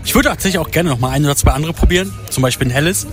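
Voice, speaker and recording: A man's voice: on the high side, expressive, rapid-fire, soft background music. A man interviewed on a brewery tour, enthusiastic and speaking with hesitant fillers. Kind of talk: casual interview.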